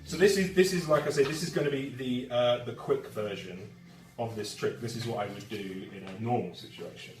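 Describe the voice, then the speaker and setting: A man's voice: medium pitch, fairly quick, distant mic. A young man performing magic, talking chattily to his audience with frequent laughs and fillers, recorded from afar in a roomy space with faint music. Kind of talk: live magic performance patter.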